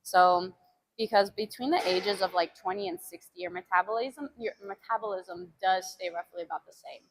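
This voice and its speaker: A woman's voice: medium pitch, fairly even intonation, moderate pace. A young woman from the United States chatting casually with her live-stream viewers about training and diet, rambling with lots of fillers. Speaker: fitness streamer.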